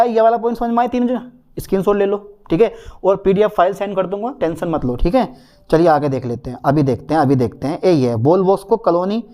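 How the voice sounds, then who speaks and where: Guy with a high voice teaching an exam prep class, keeps repeating stuff and tells students not to worry. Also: a little mellow. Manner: reassuring, repeats key points, calls students 'beta'. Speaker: botany teacher. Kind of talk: online exam-prep lesson.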